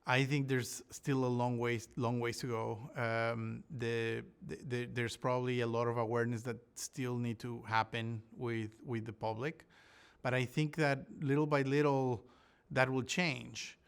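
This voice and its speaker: Man from Ecuador, smooth voice, halting. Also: medium pitch, flat delivery. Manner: thoughtful, many restarts and fillers. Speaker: olive researcher. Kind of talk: interview answers.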